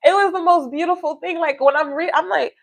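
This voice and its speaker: A woman with an extremely high-pitched voice talks briskly to livestream viewers in a casual, reflective, motivational way. She rambles and stresses her points, often checking that the audience is keeping up.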